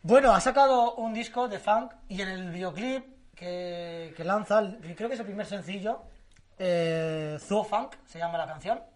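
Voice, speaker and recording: A half-hoarse man from Spain co-hosting a podcast in casual chat, joking, laughing often and swearing freely. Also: sits high, unhurried. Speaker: podcast co-host.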